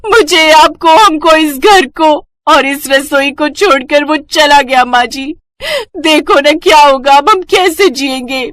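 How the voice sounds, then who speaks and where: A woman's voice: a little high, normal speed, fairly bright tone, no echo, lightly acted. Woman doing a dramatic young daughter-in-law. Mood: wailing. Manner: pleading, melodramatic.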